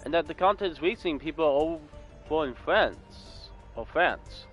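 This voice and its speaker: A man's voice: fairly high pitch, expressive, unhurried, highs cut off, soft background music. A man in his twenties from California giving casual, rambling gameplay commentary and correcting himself as he goes. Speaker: gaming YouTuber.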